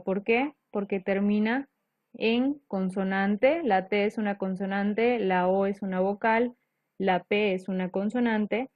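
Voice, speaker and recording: A woman's voice: medium pitch, no echo. A woman teacher explaining grammar rules step by step, patiently checking in with her students. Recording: dull lo-fi dry recording.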